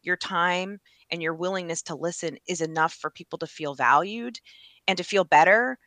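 A woman's voice: on the low side, normal speed, fairly bright tone, no echo. A woman guest in an interview, speaking in an earnest, emphatic and upbeat way. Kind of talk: casual interview.

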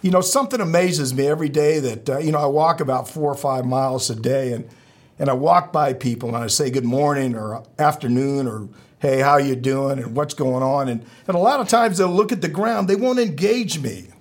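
A middle-aged male podcast host and veteran with a husky voice, speaking earnestly and haltingly as he exhorts his listeners in a sign-off. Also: medium pitch. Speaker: military veteran.

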